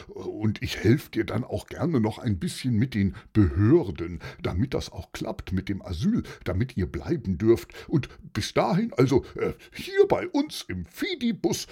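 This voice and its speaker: A man's voice: medium pitch, slightly rough, full character voice. A man playing a kind, helpful bus driver. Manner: lively, reassuring, with fillers. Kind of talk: children's audio story acting.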